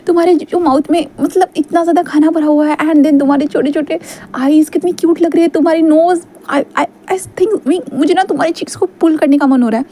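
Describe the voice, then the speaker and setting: A woman's voice: sits high, steady tone, brisk, mellow, slight background noise, voice pushed up, close to an everyday voice. A woman voicing a cheerful young man who gushes fondly and teases in a told storybook tale. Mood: gushing. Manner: gushing, fond chatter.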